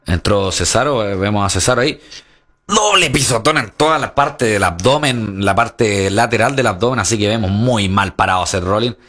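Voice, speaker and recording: Excitable Chilean male wrestling commentator. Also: on the low side, normal speed. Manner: excitable, repeats calls for emphasis.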